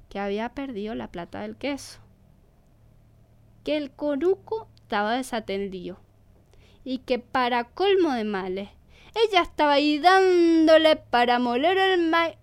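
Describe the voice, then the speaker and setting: A woman's voice: on the high side, smooth. A woman telling a folk tale expressively, repeating words for rhythm. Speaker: storyteller.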